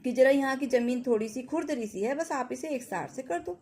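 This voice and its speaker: A woman's voice: high voice, fairly quick, darkish tone, natural voice. A woman voicing a pious, humble old village grandmother in a folk tale, speaking plainly.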